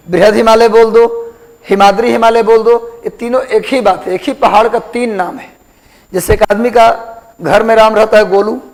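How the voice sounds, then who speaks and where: A man with a high-pitched voice gives a geography lecture in class, recorded roughly. He repeats terms and keeps quizzing his students.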